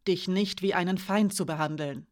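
A woman voicing a composed female spy who speaks softly, calmly and earnestly. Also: fairly low pitch, moderate pace, natural voice. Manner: soft, calm, earnest.

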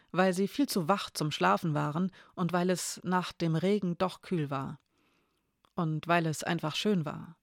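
A narrator reading a story aloud in a calm, measured way. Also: medium pitch, no echo, studio quality. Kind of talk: audiobook reading of an intimate story.

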